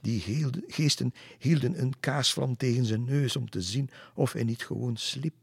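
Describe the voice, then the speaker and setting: A man's voice: medium pitch, moderate pace, gravelly, breathy edge, no echo, studio quality, voice pushed up. A man voicing a cheeky boy who teasingly tells ghost stories about a castle in a storybook reading. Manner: teasing, knowing.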